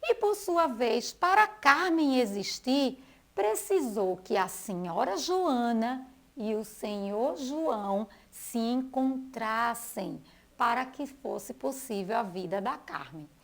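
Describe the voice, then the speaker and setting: A woman teacher with a Brazilian Portuguese accent giving a school TV lesson for young children, slowly stretching out names and syllables. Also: on the high side, animated, a bit bright.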